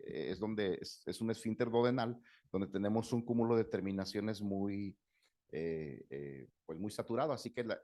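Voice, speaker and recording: With a darkish voice on the low side, a middle-aged man lectures as a psychologist on the subject of anger. His talk is conversational and built around anecdotes, with quoted dialogue acted out and frequent check-ins of "¿no?".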